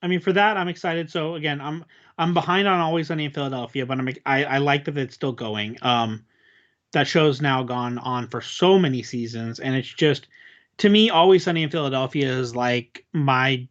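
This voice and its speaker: A man's voice: medium pitch, moderate pace. A man co-hosting a podcast, chatting casually and reacting with enthusiasm. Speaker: podcast co-host. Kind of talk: casual chat. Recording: slightly dull lo-fi sound.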